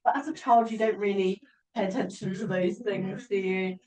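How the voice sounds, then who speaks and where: A woman's voice: medium pitch, fairly even intonation, moderate pace, distant mic, a crowd in the background, rough recording. A woman chatting candidly about movies in a radio studio, with the odd swear word. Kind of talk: casual chat. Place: small community radio studio.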